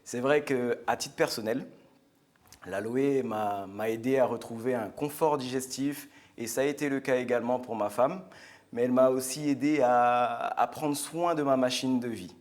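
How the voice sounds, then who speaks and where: A man's voice: medium pitch, fairly even intonation, normal speed. Earnest man presenting from a studio. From French Guiana. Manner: earnest, chatty, with many fillers and restarts. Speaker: guest speaker. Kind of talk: product presentation on a live show.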